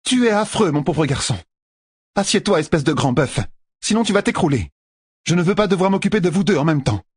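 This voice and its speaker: A man reading an audiobook voices a sharp-tongued, bossy older wise woman in a raised voice. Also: sits high, expressive, brisk, slightly rough, no room sound, studio quality, voice pushed up. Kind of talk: audiobook character voice.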